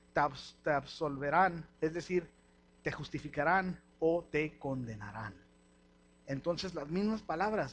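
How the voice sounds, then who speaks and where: A middle-aged man with a Mexican Spanish accent, preaching a lively, slangy sermon and acting out the voices he quotes. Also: a little high, a little hiss or hum.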